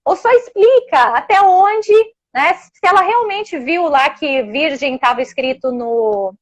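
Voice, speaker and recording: A woman with a Brazilian Portuguese accent, explaining sex education in a casual, animated way and often checking in with her listener. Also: high voice, unhurried. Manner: animated, explanatory, uses many tag questions. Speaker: sex education guest expert.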